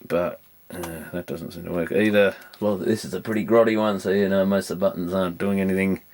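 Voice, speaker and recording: He speaks a little fast in a low, darkish voice that holds a steady tone. As the electronics repairer presenting this video, he offers easygoing, hands-on commentary, rambling through his thoughts plainly as he works.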